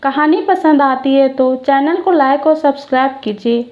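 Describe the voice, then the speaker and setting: A woman narrating a short story in a calm, measured way. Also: sits high, muffled recording.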